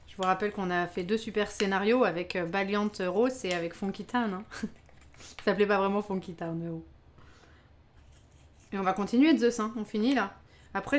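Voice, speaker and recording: A woman hosting a live baking stream, chatting casually with her viewers, exclaiming over her work and laughing often. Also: medium pitch. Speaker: live-stream cooking host.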